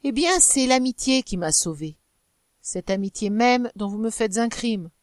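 A woman voicing a young wife from an old novel, pleading earnestly with her angry husband in a lifted, animated voice. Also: on the high side, a little slow, no room sound, studio quality.

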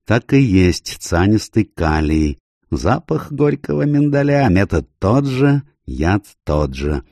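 A man voicing an older Belgian detective who speaks slowly and gravely, slipping in French words. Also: lowish voice, very animated, warm tone, no echo, clean studio sound, pitched above the performer's own voice, heavily acted. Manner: slow, measured, drops French words. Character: older Belgian male detective, calm and stern.

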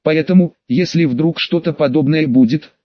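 Calm formal young guy, polite but firm, man reading it in his own voice, dry slightly dull sound. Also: on the high side, no room sound, natural voice. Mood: composed, firm. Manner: measured, formal and courteous.

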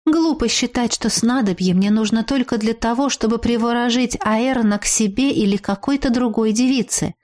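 A woman narrating an audiobook in the first person, reading expressively and drawing out words for dramatic pauses. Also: a little high, a little mellow.

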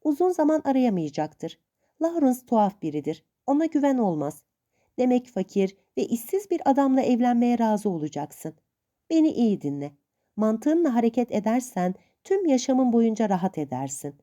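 A woman voicing a stern, scolding old rich aunt with a sharp, bossy, lecturing manner in a storybook reading. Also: on the high side, big pitch swings, normal speed, pitched above the performer's own voice.

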